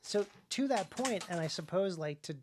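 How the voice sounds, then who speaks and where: An American author hosts a conversational podcast, thinking aloud informally, halting and then pressing hard on key words. His voice sits high and is animated, with a little hiss or hum in the audio.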